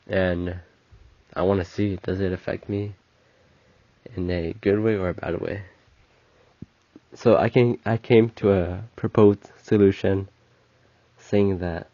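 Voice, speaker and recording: Sick and stuffed up, a young-adult college student talks his way through a solo podcast, wandering off on tangents, chatting freely and fixing his own words midstream. He speaks in a lowish, mellow voice. The audio is dry yet muffled, with a lo-fi quality.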